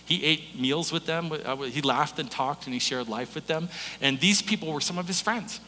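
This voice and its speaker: A man's voice: fairly high pitch, normal speed, bright, forceful tone, slight background noise. A man preaching a conversational sermon, informal and folksy, speaking directly to his listeners. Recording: reverberant hall.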